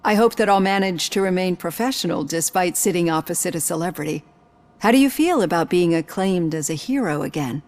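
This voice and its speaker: In scripted video game dialogue, an actress with a somewhat low female voice plays a composed psychologist. She speaks calmly and in a measured way, gently probing.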